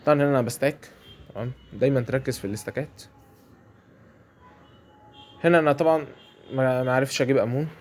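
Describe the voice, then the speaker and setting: A man's voice: medium pitch, fast, pauses often. A man with an Egyptian Arabic accent giving chatty commentary over a mobile game match, often repeating his phrases. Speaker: gameplay commentator.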